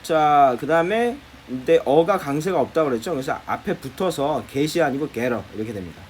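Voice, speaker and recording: A man's voice: a little high, moderate pace, slight background noise. A man teaching a middle school English lesson, explaining textbook listening in a classroom style, often starting sentences with "자". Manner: lively, repeats "자" often, explains in Korean.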